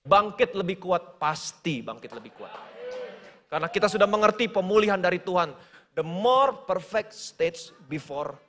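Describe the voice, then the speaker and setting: High-voiced pastor preaching in a big hall. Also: male voice, animated, normal speed. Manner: dramatic storytelling, swings between hushed and loud; sprinkles English phrases. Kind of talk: sermon. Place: church hall. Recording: long church hall reverb.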